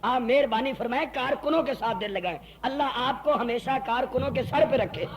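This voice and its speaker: Brief Male preacher, strong Punjabi accent, very high voice, fiery oratory with sung couplets. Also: gravelly. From Pakistan. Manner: fiery oratory that moves into sung verse and shouting; mixes folksy jokes with solemn appeals. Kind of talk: sermon. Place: mosque.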